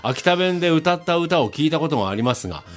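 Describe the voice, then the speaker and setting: A man's voice: a little high, big pitch swings, fast talker. A man hosting a casual radio show, reading out listener emails with a playful, chuckling manner.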